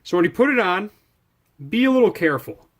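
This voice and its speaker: This man's voice sits high and sounds expressive and fairly quick as he hosts a casual, unscripted unboxing on his product review channel. He rambles informally, musing aloud while handling the items.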